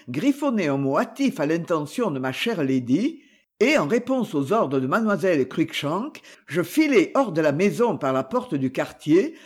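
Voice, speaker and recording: Un homme qui lit un roman à voix haute, une narration écrite et expressive à la première personne. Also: male voice, fairly high pitch, breathy edge. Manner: expressive first-person reading. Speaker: audiobook reader. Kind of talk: scripted narration.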